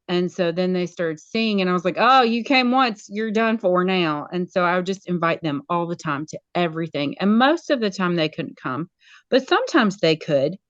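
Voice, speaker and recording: A woman, a school media specialist, talking casually as an interview guest in an animated way. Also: lowish voice, dry recording, lo-fi sound. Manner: animated, acts out quoted voices.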